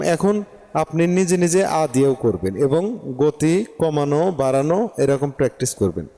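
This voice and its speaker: A man's voice: fairly high pitch, warm tone, long reverb tail. A man from Bangladesh giving a harmonium lesson, patiently explaining and counting beats aloud. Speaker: harmonium teacher. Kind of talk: slow spoken music lesson with sung syllables and counting.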